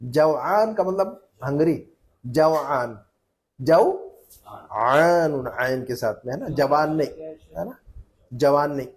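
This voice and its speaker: With a slightly high, somewhat mellow voice, a male Arabic teacher conducts a spoken drill in an unhurried, expressive way. He patiently goes over phrases again and again, calling on students by name.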